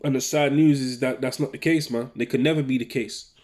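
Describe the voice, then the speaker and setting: A man's voice: medium pitch, fairly even intonation, brisk, a little mellow. Preaching man who keeps saying "man". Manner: conversational, keeps tagging lines with "man" and "right?". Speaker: religious teacher. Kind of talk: informal preaching with scripture readings.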